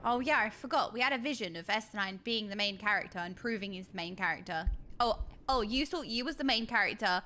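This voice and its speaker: Woman, game livestreamer, very lively intonation, bright voice, playful, exaggerated reactions, casual commentary. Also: medium pitch, fairly quick, few pauses, slight background noise. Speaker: streamer playing a video game. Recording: game music behind the voice.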